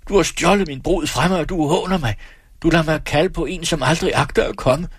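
A man reading aloud, voicing a proud, hot-tempered young man who turns shrill and indignant. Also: breathy edge, dry recording, clean studio sound. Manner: stiff, reproachful, then shrill outburst.

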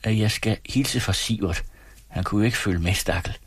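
A man's voice: lowish voice, a bit bright, slightly rough, no echo, pitched above the performer's own voice. Man putting on a weary, doubtful wife. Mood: cold. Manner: cold and doubtful. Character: weary, wary wife and mother.

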